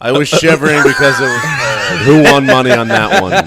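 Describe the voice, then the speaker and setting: A man as a podcast guest, talking loud and mock-angry in casual banter so his microphone clips and distorts. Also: a little high, wildly swooping pitch, normal speed, over loud music. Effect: clipping, distorted mic from speaking too loud.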